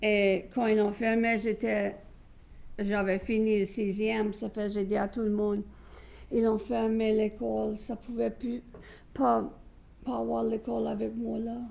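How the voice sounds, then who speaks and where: A woman's voice: fairly high pitch, level tone, a little slow, gravelly, darkish tone. An older woman with a Cajun French accent, reminiscing casually in a chatty, stop-and-start way. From south Louisiana, United States. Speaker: guest, singer.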